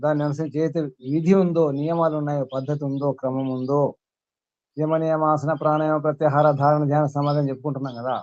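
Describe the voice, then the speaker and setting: A man's voice: fairly high pitch, flat delivery, fast, a little mellow, no room sound, dull audio. A man acting as spiritual teacher, giving a sermon to a small group, questioning his listeners and reeling off long lists.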